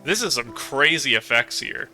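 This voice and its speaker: Bright, forceful-voiced man doing game commentary. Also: medium pitch, expressive, moderate pace, soft background music. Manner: musing, speculating aloud. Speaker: let's play host.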